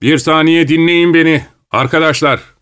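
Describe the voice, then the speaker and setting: A man voicing a big burly man in overalls who calls a roll in a loud, commanding, businesslike way. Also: on the low side, normal speed, close to an everyday voice.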